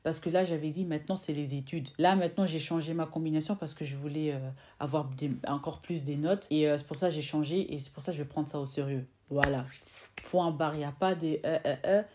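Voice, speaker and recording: A woman's voice: low voice, brisk, slight background noise. A woman in her twenties telling a personal story to camera in a casual storytime, acting out the exchanges she recounts and often restarting or repeating phrases. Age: 20s. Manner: animated, acts out quoted exchanges. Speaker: vlogger.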